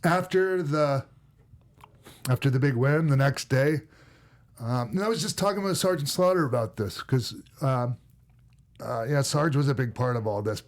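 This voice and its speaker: Middle-aged minnesota guy rambling through old stories on a podcast, lots of ums and restarts, regular mid pitch. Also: moderate pace. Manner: rambling, many restarts and fillers. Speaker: podcast host and former wrestler. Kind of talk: casual podcast storytelling.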